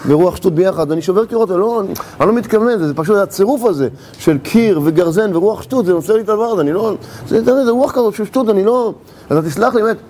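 A man's voice: high-pitched, dark tone. A man acting out a fellow with an axe who stammers apologies and lame excuses for smashing walls. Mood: sheepish pleading.

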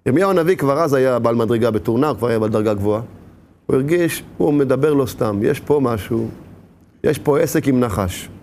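A man's voice: mid-range voice, expressive, darkish tone, slight background noise. A man giving an emphatic sermon as a rabbi, asking rhetorical questions and swinging his voice up and down.

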